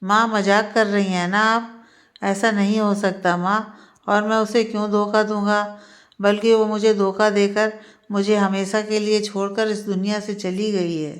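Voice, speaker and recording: A young man pleading over and over in a storybook tale, as a woman narrator voices him. The voice stays flat and even in pitch, middle in height, with repetitive, pleading questions rather than big swings. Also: a little slow, natural voice. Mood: disbelieving. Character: young man, desperate, pleading grieving lover.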